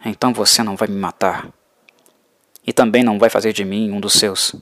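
A man's voice: lowish voice, steady tone, fairly quick, fairly bright tone, dry recording, natural voice. A man voicing a desperate young mortal man who pleads urgently. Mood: pleading.

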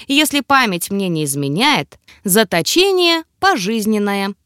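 A woman reading the part of a smug male elf curator in an audiobook, teasing and theatrical, his voice bobbing up and down with lively swings, recorded close and dry with no room sound. he toys with the people he questions. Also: mid-range voice, a little slow, smooth, no echo. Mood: sarcastic. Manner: drawling, mocking, theatrical.

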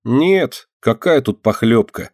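A man voicing a lively, stubborn little girl in an audiobook, his voice raised and eager. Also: medium pitch, slow, no echo, studio quality. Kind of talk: audiobook character voice.

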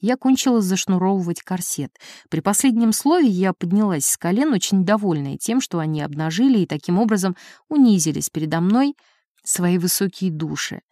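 A woman narrating a classic novel in a measured, dramatic way. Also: lowish voice, animated, warm tone, dry recording, studio quality. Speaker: audiobook narrator.

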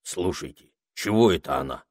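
A man's voice: sits low, lively intonation, moderate pace, dry recording, studio quality. A man voicing a boastful, sneaky male toad spy who whines and wheedles. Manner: whiny, wheedling, cocky.

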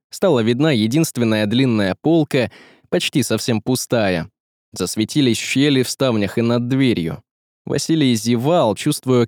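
A man narrating a fantasy story in measured, dramatic storytelling. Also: medium pitch, a little mellow, no echo, clean studio sound. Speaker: audiobook narrator. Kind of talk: scripted narration.

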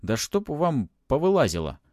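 A brazen young man talking his way out of trouble, as a male reader puts him on in a storybook. He sounds cheeky and quick with lively swings of pitch. The sound is dry and close. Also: no room sound, lightly acted. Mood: brazen bluffing. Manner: brazen and bluffing.

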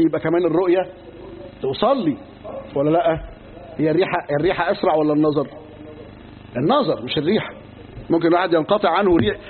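A man with an Egyptian accent teaching a religious lesson, telling stories with everyday asides and acting out the dialogue. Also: fairly high pitch. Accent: Egyptian Arabic. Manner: lively storyteller, acts out dialogues in everyday speech. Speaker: Islamic preacher teaching a lesson. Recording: tinny lo-fi recording with faint hiss.

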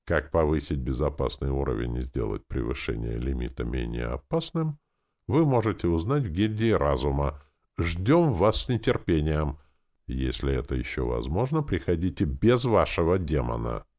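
A man's voice: very deep voice, sing-song, moderate pace, darkish tone, exaggerated voice. A man reading an audiobook, voicing an impersonal magical system announcer in a formal, official tone.

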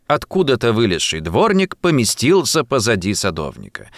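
A man's voice: mid-range voice, a bit bright, no echo, studio quality. A man narrating a literary story as an audiobook, reading expressively and dramatically.

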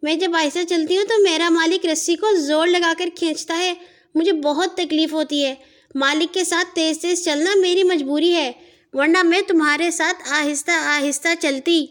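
Lady voicing a tender mama camel, soft and sorrowful, kids' audio tale. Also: very high-pitched, fairly even intonation, pitched above the performer's own voice. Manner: gentle, sorrowful. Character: sad, caring mother camel. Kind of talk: children's audio story.

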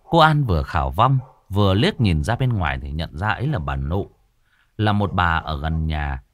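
A man's voice: low voice, very animated, normal speed. A man narrating a ghost story expressively and dramatically.

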